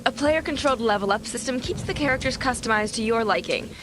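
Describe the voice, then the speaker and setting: A woman's voice: on the high side, fast. A woman co-hosting a video game review show, reading scripted reviews with dry, wisecracking jokes. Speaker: TV show co-host.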